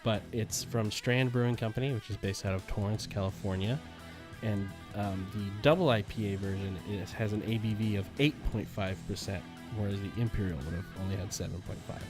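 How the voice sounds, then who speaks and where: A man's voice: lowish voice, steady tone, a little fast, over music. A man hosting a casual beer-tasting show, joking with his friend and reading out brewery facts. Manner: jokey, wordplay-loving, reads beer facts. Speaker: host. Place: home room with a new backdrop.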